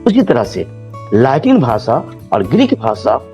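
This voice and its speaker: A man lectures a class, his pitch rising and falling a lot as he repeats points and reaches for everyday examples. His voice is warm and mellow, faint music behind him. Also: wildly swooping pitch, unhurried. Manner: repetitive, explaining with everyday examples, addresses students as children. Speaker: biology teacher.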